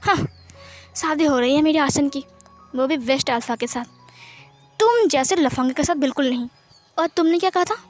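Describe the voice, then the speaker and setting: A woman voicing an angry, protective middle-aged mother-in-law in a storybook retelling, scolding loudly. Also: high voice, normal speed, long pauses, soft background music, natural voice.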